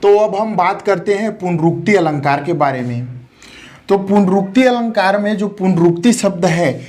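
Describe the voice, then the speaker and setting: A man's voice: sits high, moderate pace, darkish tone. A man teaching a grammar lesson, explaining terms step by step, repeating key words and asking rhetorical questions before answering them.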